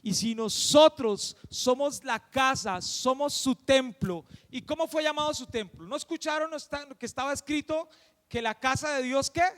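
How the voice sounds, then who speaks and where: A man's voice: extremely high pitch, normal speed, fairly bright tone, in a large hall. A man preaching a sermon, emphatic and full of rhetorical questions.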